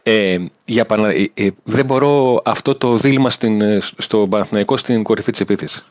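A man's voice: fairly low pitch, no room sound. A man joining a sports talk show from a remote link, hesitant and searching for his words. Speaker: sports reporter guest.

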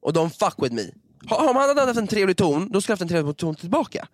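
A man's voice: sits high, dry recording. Swearing man telling a story, dry sound. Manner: animated storyteller, swears, mixes in English phrases. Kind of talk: casual chat.

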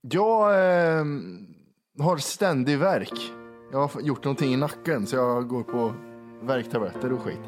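A man's voice: mid-range voice, soft background music. A man in his thirties with a Värmland accent, co-hosting a podcast in casual, self-mocking chat with easy swearing. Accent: Värmland Swedish. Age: 30s. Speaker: podcast co-host.

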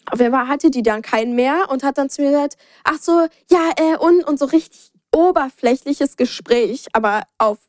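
A woman's voice: sits high, dry recording, clean studio sound. A young woman hosting a podcast, chatting casually and acting out the voices of the people in her stories. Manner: animated storyteller, acts out quoted dialogue. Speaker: podcast host. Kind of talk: casual chat.

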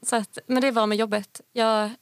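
A woman with a fairly high voice that carries a gravelly, fry-laden edge chats away as a podcast co-host, full of fillers and quick laughs. The sound is close and dry. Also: little pitch movement, no echo. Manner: chatty, frequent fillers and laughter. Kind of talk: casual chat.

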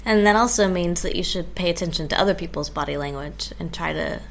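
A woman's voice: lowish voice, fast talker, vocal fry, a little hiss or hum. A woman chatting casually and agreeably as a podcast co-host, in a conversational way. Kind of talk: casual chat.

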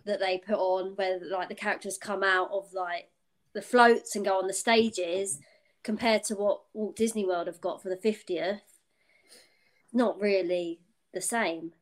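A British woman in her twenties from the United Kingdom co-hosts a casual podcast chat, rambling and chatty with lots of fillers. She speaks with a British English accent in a medium-pitched, steady voice, a little slowly.

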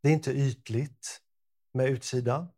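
A man's voice: mid-range voice, fairly even intonation, warm tone. A man co-hosting a podcast, talking in a playful, bantering way. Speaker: podcast co-host. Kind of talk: casual chat.

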